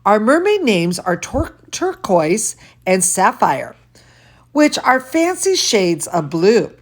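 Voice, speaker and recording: A woman reading aloud as an excitable, boastful little storybook girl who dramatically explains her fancy words. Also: mid-range voice, slow. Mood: excited, proud.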